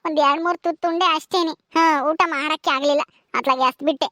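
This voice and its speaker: A woman's voice: sits high, steady tone, fast talker, sharp tone, no echo, clean studio sound. A woman playing a young daughter-in-law held in jail, pleading and whiny.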